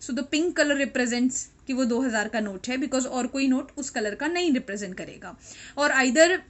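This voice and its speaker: High-voiced Indian woman teaching. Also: expressive, unhurried. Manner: explanatory, mixes Hindi and English, checks in with "right?". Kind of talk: classroom lecture.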